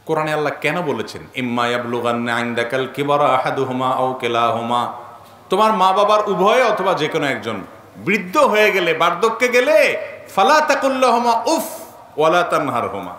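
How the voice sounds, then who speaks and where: Male preacher, bright and lively, in an echoey room. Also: high-pitched. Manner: earnest, rhetorical questions to listeners. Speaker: Islamic preacher. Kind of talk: sermon.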